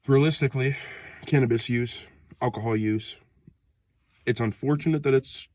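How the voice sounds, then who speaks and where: A man's voice: mid-range voice, normal speed, a little mellow, no echo. A man in his twenties, sick and short of breath, rambling loosely in a slangy casual rant, outdoors in the cold. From Ohio, United States. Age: 20s. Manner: rambling, loose, slangy, many fillers and restarts. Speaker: vlogger.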